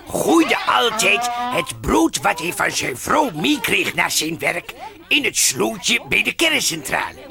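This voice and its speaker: A woman's voice: a little high, vocal fry. A woman narrating a mock children's story in a gleeful, crude way, often laughing as she tells it. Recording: music playing behind.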